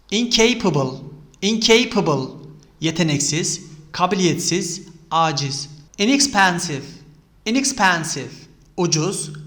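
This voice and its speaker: A man with a Turkish accent reading an English vocabulary list slowly, saying each word twice and then giving its Turkish meanings. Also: high-pitched, a bit bright. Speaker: vocabulary reader.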